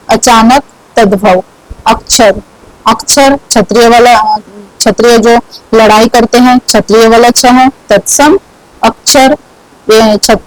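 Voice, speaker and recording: A woman with a slightly high voice teaches a grammar lesson slowly and deliberately, saying each word twice and posing questions she then answers herself. The audio is dry and close, with no room echo.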